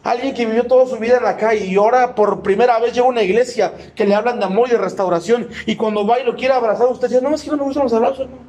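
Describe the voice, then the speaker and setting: High-voiced preacher quizzing his flock. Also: fairly even intonation, quick pace, few pauses, darkish tone. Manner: emphatic, quizzes the congregation with yes-or-no questions; humorous, mimics people in asides. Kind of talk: sermon. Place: church.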